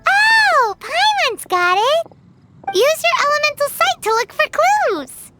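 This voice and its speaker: A tiny game fairy with an extremely high, squeaky child's voice that swoops up and down. She is cheeky, blunt and excitable, with music prominent behind her. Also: takes it slowly, heavily acted. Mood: curious, excited. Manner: speaks of herself in the third person, exclaiming. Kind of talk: video game voice acting. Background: prominent playful music.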